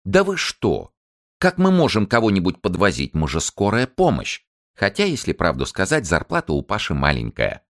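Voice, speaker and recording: A man voicing a shrill, excitable young female paramedic who lectures and squeals. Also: moderate pace, exaggerated voice. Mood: lecturing.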